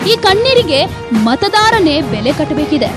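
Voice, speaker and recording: A woman reporter with a Kannada accent delivers a punchy, dramatic news voice-over in a very high voice. Clear background music plays under her reading. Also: big pitch swings, normal speed.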